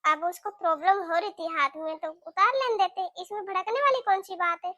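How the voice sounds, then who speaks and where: A woman's voice: very high-pitched, fairly quick, bright, forceful tone, no room sound, clean studio sound. A woman voicing a caring young married daughter in a cartoon, talking in an earnest, pleading way. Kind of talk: cartoon voice acting.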